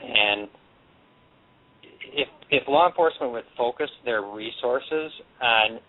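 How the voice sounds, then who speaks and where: A man's voice: mid-range voice, slow pace. A man speaking as a guest on a radio show over the phone, earnest and rambling with restarts. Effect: voice heard over the phone. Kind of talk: casual radio talk. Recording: tinny phone line.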